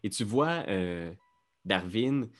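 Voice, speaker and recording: A man with a Québécois French accent narrating a tabletop game as game master, halting and searching for words. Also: on the low side, animated, soft background music.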